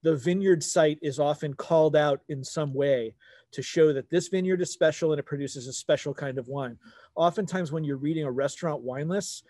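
A man's voice: on the high side, moderate pace, warm tone, no echo, studio quality. A man in his forties giving a casual, explanatory wine talk, rephrasing as he goes like a conversational teacher. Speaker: wine webinar presenter. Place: outdoors at a garden table.

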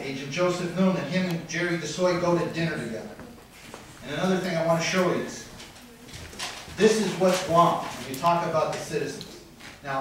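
At a council meeting, a middle-aged man's public comment turns accusatory and heated, climbing toward a shout. His pitch is on the high side. The podium mic is picked up from the back of the large wood-paneled chamber, so the audio is distant, very echoey and faintly noisy.

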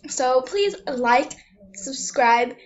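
A high-pitched young woman chats slowly and giggles her way through a rambling home vlog, often poking fun at herself. The recording sounds a little muffled, with a faint hiss behind her voice. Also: animated. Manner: giggly and self-mocking. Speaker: vlogger. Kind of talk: rambling casual vlog chat. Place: at home with a dog nearby.

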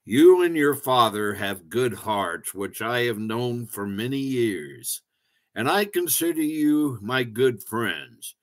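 Wise old walking stick insect, calm and kindly, unhurried storybook voice, read by a man. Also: medium pitch. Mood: wise, reassuring.

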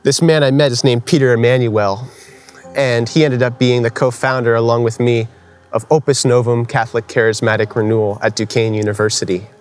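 A man's voice: medium pitch, level tone, brisk, soft background music. A young man giving an earnest personal faith testimony at a conference, telling his story conversationally with frequent fillers. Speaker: conference speaker.

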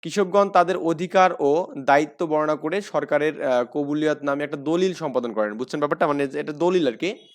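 A man with a Bangladeshi Bengali accent teaches an exam-prep lesson and keeps asking his listeners questions, then answering them himself. His voice sits a little high. He repeats each key fact and fills his sentences with small filler words. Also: a little fast. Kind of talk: explaining lecture.

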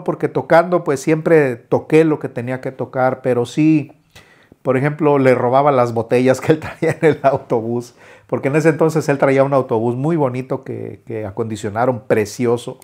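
A man, a musician telling his own life story in a halting way, with many restarts and filler words. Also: medium pitch, darkish tone. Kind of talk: personal storytelling.

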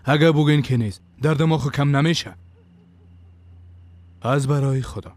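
A man's voice: on the high side, a little mellow, lightly acted. A man dubbing a worried grown son who earnestly pleads with his father. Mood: pleading. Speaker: dubbing actor. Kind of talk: dubbed TV drama.

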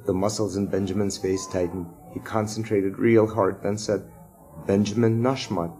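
Male reader, storybook narration for kids, low voice, faint music behind. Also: level tone, normal speed, mellow, low-quality recording. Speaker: reader for sixth graders. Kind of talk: reading a children's chapter book aloud.

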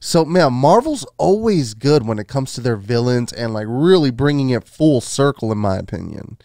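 A man's voice: medium pitch, big pitch swings, moderate pace, vocal fry, mellow, dry recording. A man in his thirties giving a casual film review as a podcast host, informal and full of "you know" and "man", close on a studio microphone. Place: small home room studio. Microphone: close boom-arm podcast microphone.

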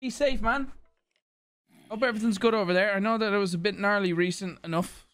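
A young man livestreaming from a small home room into a studio mic, reading out donor names and thanking them in a quick, loose patter. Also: high voice, a bit bright, clear, resonant tone, no echo. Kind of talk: casual stream chat reading donations. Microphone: studio mic on boom, headphones on.

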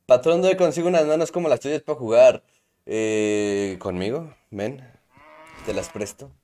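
A man's voice: mid-range voice, a little slow, warm tone. A young man with a Mexican accent, chatting casually and joking while reading his stream chat aloud. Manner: joking banter, reads chat aloud, slangy.

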